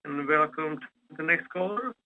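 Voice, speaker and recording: A man's voice: on the high side, animated, moderate pace, phone-quality sound, crowd noise. A man hosting a live conference call, greeting callers as they join. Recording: faint background noise on call.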